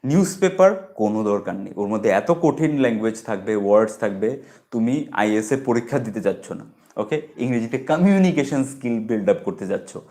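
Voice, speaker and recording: A man giving a casual spoken English lesson, lively and repetitive, mixing English words into his talk. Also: on the low side, brisk. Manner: lively, repeats phrases, mixes English words in. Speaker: English teacher.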